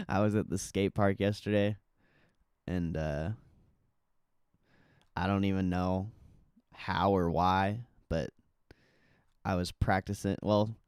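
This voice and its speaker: Young dude streaming, crypto bro type, chill n sweary, clean smooth voice, takes his time. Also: fairly low pitch, no echo, clean studio sound. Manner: laid-back crypto bro, slangy and sweary. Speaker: livestream host. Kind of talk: casual livestream chat.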